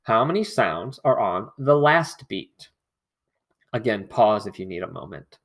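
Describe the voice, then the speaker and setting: A man's voice: lowish voice, sing-song, measured pace, gravelly, a bit bright. A man teaching an online music lesson, explaining patiently and singing rhythm syllables.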